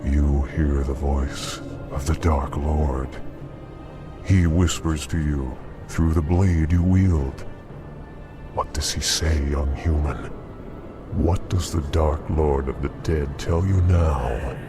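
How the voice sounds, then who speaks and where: An actor playing an arrogant, taunting demon in a video game, with a gravelly, sinister, imperious dark lord delivery. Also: male voice, rumbling low, slow, over music. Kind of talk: video game cutscene acting.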